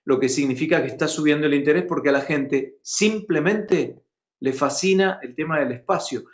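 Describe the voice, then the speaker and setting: An Argentine man hosts a live news chat in Argentine Spanish, animated and emphatic as he puts questions to his co-host. His voice is on the high side and moderately paced, and the muffled broadcast audio has an echoey room sound.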